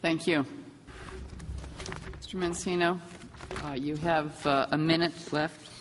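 A man's voice: fairly high pitch, fairly even intonation, slow pace. An American man speaking formally as a presiding judge in a courtroom. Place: large indoor courtroom. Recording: noisy reverberant courtroom.

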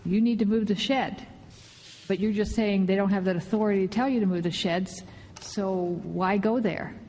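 A woman's voice: medium pitch, normal speed, mellow. An American woman, a judge putting direct, pressing questions from the bench. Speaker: appellate judge. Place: large indoor courtroom. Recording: noisy reverberant courtroom.

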